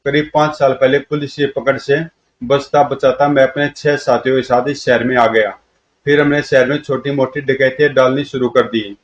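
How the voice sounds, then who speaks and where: A man's voice: medium pitch, fairly even intonation, normal speed, lightly acted. Guy reading as a mean bandit boss, gloating and threatening, kinda muffled lo-fi sound. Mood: recounting. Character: brutal male bandit chief, menacing.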